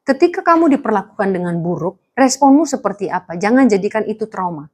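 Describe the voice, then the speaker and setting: A woman pastor preaching to students, lively, with jokes and small acted dialogues. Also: mid-range voice, quick pace. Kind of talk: sermon to students.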